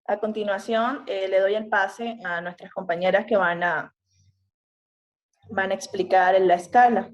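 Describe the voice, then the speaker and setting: Ecuadorian woman, slow and hesitant, introducing a class group. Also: mid-range voice, fairly even intonation, lo-fi sound. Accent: Ecuadorian Spanish. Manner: hesitant, with frequent fillers, reads out a list of names. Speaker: student group presenter.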